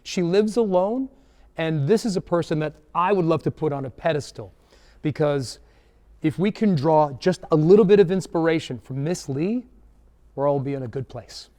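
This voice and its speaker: A man's voice: a little high, moderate pace, dark tone. A man introducing a news feature in an emphatic, heartfelt way. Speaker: news presenter.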